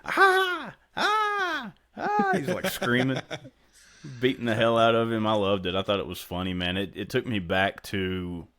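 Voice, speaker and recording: A man with a very deep voice, talking on a podcast in a relaxed, easygoing way. He chats loosely and laughs readily. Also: moderate pace. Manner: laid-back, laughs easily. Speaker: podcast co-host. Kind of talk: casual chat.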